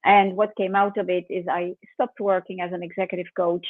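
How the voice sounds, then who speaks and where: Older french lady guest, candid and steady, sounds like a phone call, dry. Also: on the low side, a little fast, no echo. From France. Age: 60s. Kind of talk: conversational interview. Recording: dry tinny phone line.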